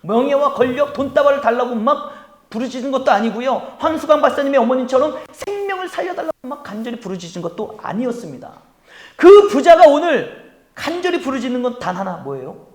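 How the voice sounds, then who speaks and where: A man preaching a Sunday sermon as pastor, swinging from hushed tones to loud calls to the congregation and acting out pleading prayers. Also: very high-pitched, very animated, brisk. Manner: acts out pleading voices in quoted prayers. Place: church sanctuary. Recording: echoey church hall.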